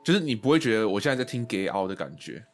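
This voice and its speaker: A man's voice: on the low side, big pitch swings, very fast, faint music behind. A man co-hosting a podcast, rambling and hesitant in casual chat, with the odd swear word. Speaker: podcast co-host.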